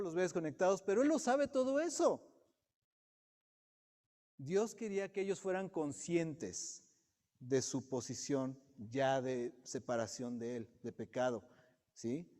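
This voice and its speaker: Preacher with a mellow voice in a reverberant church. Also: male voice, mid-range voice. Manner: asks the congregation direct questions. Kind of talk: sermon. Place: church sanctuary. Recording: long reverb of a church hall.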